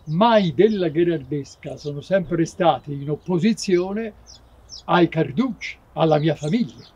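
A man's voice: fairly high pitch, expressive, measured pace, mellow, breathy edge, muffled recording. A man playing a wistful old poet. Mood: courtly. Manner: declaiming verse, then polite courtly questions. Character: old 19th-century male poet, wistful and courtly. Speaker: actor in a short film. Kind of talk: amateur theatre acting.

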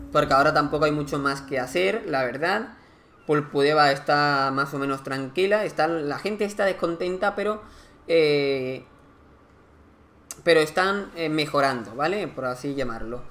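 A fairly high-voiced man talks through a strategy game as he plays. He thinks aloud in a loose, chatty way, counting units and weighing choices. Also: fairly bright tone. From Spain. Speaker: gaming commentator. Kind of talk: casual let's-play commentary.

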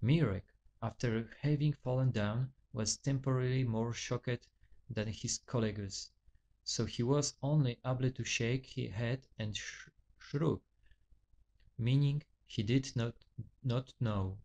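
A man reading his own novel aloud, halting often and correcting his own stumbles. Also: mid-range voice, vocal fry, darkish tone. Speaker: author.

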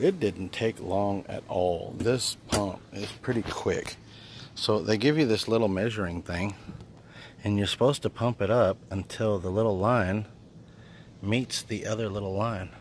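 On sandy ground at a campsite, a fairly low-voiced man films himself with a handheld camera while reviewing a product in a relaxed, hands-on way. He chats informally and thinks out loud, and there is slight background noise.

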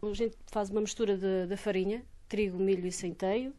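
A woman's voice: medium pitch, steady tone, fairly quick, warm tone. A woman in her thirties with a northern Portuguese accent, in a village kitchen, explaining bread-making plainly. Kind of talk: casual interview.

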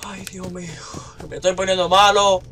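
A man's voice: sits high, completely flat delivery, normal speed, background noise. A young man with a Caribbean Spanish accent commentating on a horror game as a panicking, jumpy gamer who swears a lot. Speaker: gamer recording gameplay with commentary. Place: small room at home, indoors.

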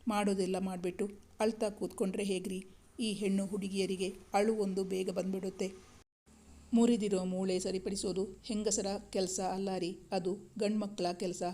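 A woman voicing a stern older male senior doctor who scolds briskly and belittles. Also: medium pitch, level tone, mellow, lightly acted. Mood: scornful.

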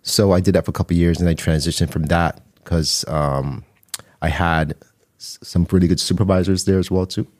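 Deep, steady and brisk, with a darkish tone, the voice belongs to a middle-aged man from Barbados who works as a mental health counselor and artist. Appearing as a podcast guest, he shares his story conversationally into a close boom-arm studio microphone in a small indoor studio, with no room sound.

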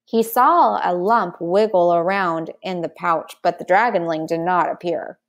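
Slow-reading woman narrating a storybook. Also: lowish voice. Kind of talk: reading a children's book aloud.

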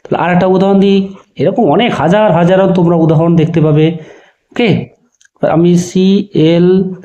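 A man teaching a spoken lesson to students, spelling letters out slowly and often checking that they understood. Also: high-pitched, warm tone, highs cut off. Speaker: online teacher.

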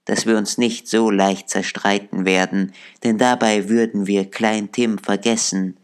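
A man voicing a poor, gentle father in an audiobook, speaking tenderly and solemnly. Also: lowish voice, little pitch movement, unhurried, smooth, close to an everyday voice. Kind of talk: audiobook character reading.

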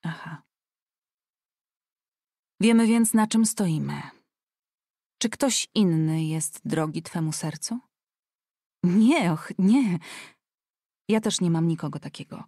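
A woman's voice: fairly low pitch, lively intonation, slow pace, long pauses, mellow, dry recording, studio quality, full character voice. Earnest young man, as a woman reader puts him on. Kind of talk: audiobook reading.

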